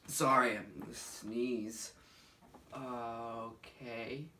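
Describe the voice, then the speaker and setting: A man's voice: mid-range voice, lively intonation, unhurried, background noise. A young man in a comedy sketch, casually telling a story to a friend and drawing out his words. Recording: echoey room, far from the mic.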